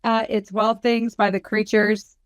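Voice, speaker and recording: A woman talks eagerly in a casual chat, laughing easily. Her pitch sits in a middle range. The recording is dry and close. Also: little pitch movement, smooth, no echo. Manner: enthusiastic, quick to laugh. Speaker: guest collector.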